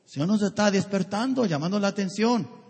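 Pastor, male: high animated voice, husky edge, preaching in a church with long hall reverb. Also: fairly quick. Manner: emphatic preaching with rhetorical questions to the congregation. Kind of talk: sermon.

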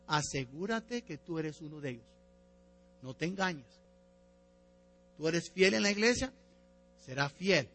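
A man with a notably high voice delivers a sermon, addressing his listeners as brothers and sisters. He often trips over his words and backs up to correct himself. When he reads scripture his voice climbs and gains force, while soft music plays faintly behind him. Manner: stumbles and corrects himself, repeats phrases; rises in pitch and force when reading scripture. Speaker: pastor.

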